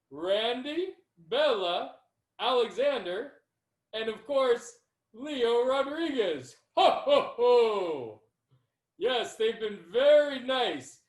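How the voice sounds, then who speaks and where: Give this voice to a man acting as a kindly old Santa Claus in a children's Christmas storytime. He is hearty and jolly, pitched high, and takes his time over his words. The room rings around him with noticeable echo. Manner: hearty ho-ho-ho laughs, slow and declamatory. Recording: roomy, echoing room sound.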